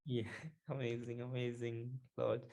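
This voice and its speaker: A man with a very dark, soft-edged voice at a middling pitch conducts an interview. He puts his questions politely and with admiration. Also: monotone, measured pace, vocal fry. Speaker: music interviewer.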